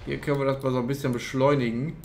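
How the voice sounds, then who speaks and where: A man's voice: medium pitch, little pitch movement, racing, creaky, a little hiss or hum. A man giving casual, slangy commentary while playing a strategy game, swearing now and then. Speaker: let's-play streamer. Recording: game music behind the voice.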